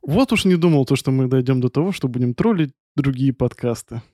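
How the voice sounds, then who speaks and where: A man's voice: mid-range voice, expressive, a little fast, mellow, no room sound, clean studio sound. A man co-hosting a podcast in casual banter, joking wryly and swearing freely. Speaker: podcast co-host.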